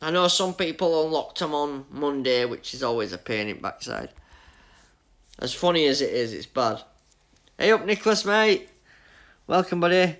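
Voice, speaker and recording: This gaming livestreamer, a young man from Yorkshire, keeps up an easy, matey chat with viewers while racing, greeting them by name and laughing at his poor luck. His fairly bright voice sits slightly high for a man and swings widely in pitch, at a moderate pace broken by long pauses.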